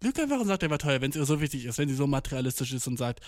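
A man's voice: medium pitch, very animated, rapid-fire, darkish tone, dry recording, clean studio sound. A young man casually reacting to a read-out story, blunt and slangy, sprinkling in English words. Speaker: commentator.

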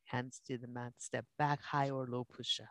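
A yoga instructor slowly coaching breath and movement through a guided class in short, spaced phrases. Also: medium pitch, level tone, a bit bright, no echo.

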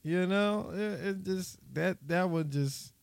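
A man's voice: high voice, slow, vocal fry, clean tone, no room sound. An American man in a casual panel discussion, talking emphatically and repeating phrases for stress.

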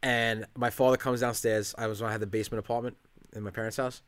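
A man in his thirties telling a crude story in casual chat, animated as he tells it. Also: mid-range voice, fast, clear, resonant tone, no echo.

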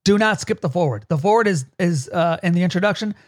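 A man with a notably high voice, chatting on a podcast as a leadership coach. He laughs often and keeps checking in with "right?". The sound is close and dry. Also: expressive, fast, no echo. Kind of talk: casual podcast chat.

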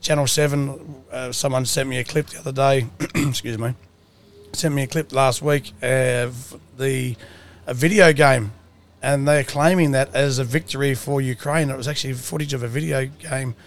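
A man's voice: mid-range voice, fairly even intonation, normal speed, slight background noise. Matey man with a broad Australian accent. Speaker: podcast host. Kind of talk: casual podcast chat. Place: mobile podcast setup at an outdoor rally.

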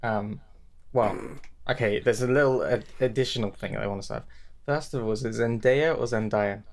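A man's voice: fairly low pitch, brisk, creaky. A young man co-hosting a casual podcast chat, rambling with lots of restarts and fillers. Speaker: podcast co-host.

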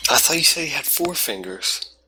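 A man's voice: fairly high pitch, lively intonation, moderate pace, bright, forceful tone, breathy edge, low-quality recording. A man co-hosting a gaming podcast, making dry, impatient remarks in casual chat. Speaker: podcast co-host.

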